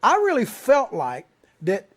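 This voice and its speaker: A male talk show host speaks in an old Florida cracker drawl from the American South. His voice sits high for a man. He interviews in a folksy, rambling, conversational way. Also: wildly swooping pitch, measured pace. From small-town Florida, US South.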